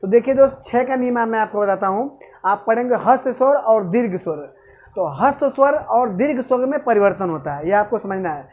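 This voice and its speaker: A man's voice: very high voice, expressive, brisk, a little mellow. A male teacher giving an exam-prep grammar lesson, asking questions and answering them himself. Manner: asks and answers own questions, repeats "okay".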